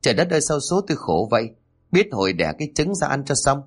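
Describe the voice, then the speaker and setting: A man voicing a nagging, sharp-tongued old mother-in-law who scolds and wails melodramatically. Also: fairly low pitch, sing-song, brisk, breathy edge, full character voice. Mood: wailing.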